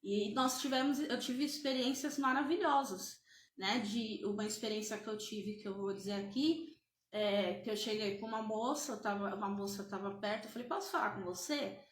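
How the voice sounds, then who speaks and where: A woman's voice: mid-range voice, fairly even intonation, normal speed, reverberant, slight background noise. A woman evangelist giving a church testimony, hesitant and full of fillers and restarts.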